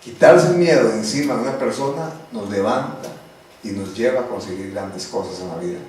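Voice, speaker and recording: A man's voice: fairly low pitch, fairly quick, darkish tone, slight background noise. A man preaching as a pastor, with impassioned, repetitive delivery that builds in intensity. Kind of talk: sermon. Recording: very echoey room, voice from a distance.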